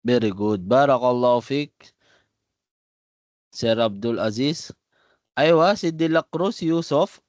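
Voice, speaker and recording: A man teaching the Arabic alphabet on a video call, patient and unhurried, calling on students by name. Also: medium pitch, no room sound, muffled recording. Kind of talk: online class drilling letter sounds.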